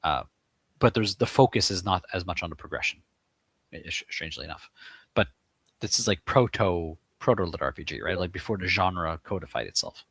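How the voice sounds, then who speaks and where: A man's voice: low voice, lively intonation, fairly quick, gravelly, a bit bright, breathy edge, dry recording. A man from Eastern Canada with a Quebec English accent, a guest author chatting casually in an interview with many fillers and restarts.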